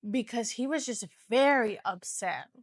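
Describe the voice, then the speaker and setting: A woman's voice: fairly high pitch, expressive, a little slow, dry recording, clean studio sound. A woman hosting a podcast, casually retelling a true-crime story in a loose, chatty way, with many "so" and "you know" fillers. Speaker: podcast host.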